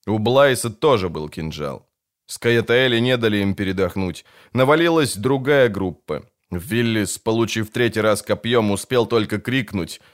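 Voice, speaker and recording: A man reading a fantasy audiobook aloud in steady, dramatic scripted narration. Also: on the low side.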